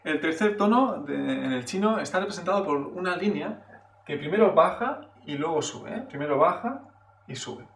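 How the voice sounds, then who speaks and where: A man's voice: a little high, expressive, normal speed, a little hiss or hum. A man from teaching a Chinese lesson in a patient, explanatory way, often checking in with a questioning "eh" and exaggerating sample syllables to show the tones. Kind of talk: classroom-style video lesson. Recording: roomy echo, voice from a distance.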